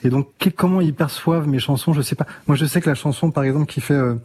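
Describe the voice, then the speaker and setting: Thoughtful man with a mellow, husky voice. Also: on the high side, fast talker. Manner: reflective, thinking aloud with restarts. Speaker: musician guest. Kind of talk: radio interview.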